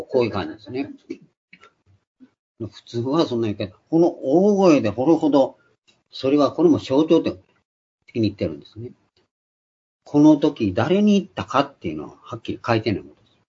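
Husky lo-fi pastor, lively. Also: male voice, mid-range voice. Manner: emphatic, raises voice sharply for quoted exclamations. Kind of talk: sermon. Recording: dull lo-fi recording.

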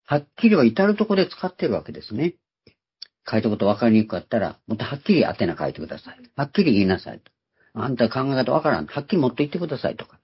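A man's voice: mid-range voice, very animated, fast talker, a little mellow, slightly rough. A man giving a Bible teaching sermon, explaining terms one by one and repeating key words for emphasis. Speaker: preacher. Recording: dull lo-fi recording.

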